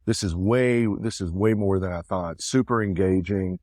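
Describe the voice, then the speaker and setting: A man's voice: low voice, normal speed, warm tone, no echo, clean studio sound. A middle-aged man co-hosting a casual podcast, telling a meandering personal anecdote. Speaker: co-host.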